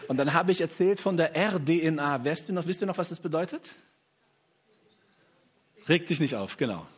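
Male preacher, fairly high husky voice, lively sermon delivery, talks to the congregation. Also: normal speed. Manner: lively, stresses quoted verses loudly, many restarts and fillers; addresses congregation with "hey", "oder?", "ja?".

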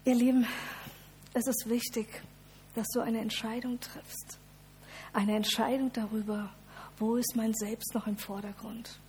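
A woman's voice: on the high side, level tone, a little slow, pauses often, a little mellow, a little hiss or hum. A woman preaching a sermon at a church service, speaking emphatically and addressing her listeners directly.

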